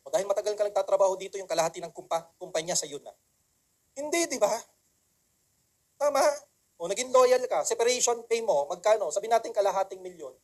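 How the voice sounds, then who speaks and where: A man's voice: high-pitched, lively intonation, quick pace, darkish tone. A man giving a motivational seminar talk to an audience, rhetorical and coaxing, repeating key phrases and asking for agreement. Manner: mixes English phrases into the talk. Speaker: motivational speaker.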